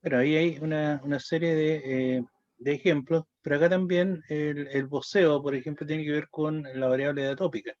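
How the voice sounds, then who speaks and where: A Chilean man lectures a class in a slightly raised voice, pausing often on "eh" and checking understanding as he goes. The recording is dry and dull, like a low-quality lo-fi capture. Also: steady tone, darkish tone, no echo. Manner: explanatory, frequent "eh" and "¿ya?" checks. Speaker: teacher.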